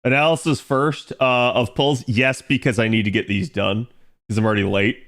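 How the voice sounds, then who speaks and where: A man's voice: mid-range voice, steady tone, moderate pace, fairly bright tone. A man hosting a live stream, talking through a game analysis in a casual, chatty way and speaking straight to his viewers.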